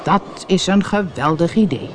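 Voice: medium pitch, expressive, unhurried, lightly acted. Captain Hook, a bellowing pirate captain, as a reader puts him on. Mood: scheming. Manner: bellowing, threatening.

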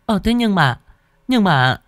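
A man's voice: high voice, very animated, measured pace, a bit bright, no room sound, clean studio sound, voice pushed up, full character voice. A man putting on a timid, stammering young maid. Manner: stammering, pleading.

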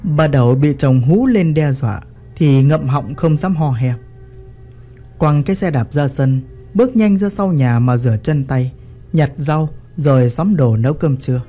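A man spins a village story with earthy, vivid detail. His voice is mellow and slightly high, and faint music plays beneath the narration. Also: unhurried.

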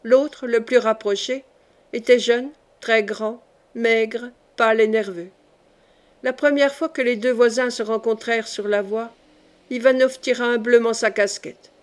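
A woman reading a short story aloud in a measured, steady narrating style. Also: fairly high pitch. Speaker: audiobook reader. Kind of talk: scripted narration.

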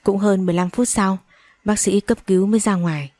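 She brings a dramatic story to life for an audiobook, emotionally voicing each character in acted dialogue. The mid-range voice stays steady in tone, moves briskly, and sounds dark, recorded dry.

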